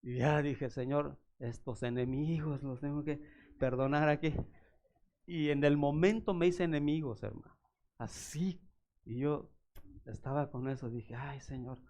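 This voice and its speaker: A man preaches in a church, weaving personal anecdotes into his sermon. He talks in a fairly high voice and brings the stories to life by acting out the people in them. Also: a little slow. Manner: animated storyteller acting out voices. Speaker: pastor.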